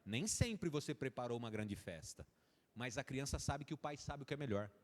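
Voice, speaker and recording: A man's voice: medium pitch, lively intonation, normal speed. A Brazilian man preaching a sermon in a folksy way, acting out little dialogues between a father and his children. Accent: Brazilian Portuguese. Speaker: pastor. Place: church. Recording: church hall reverb.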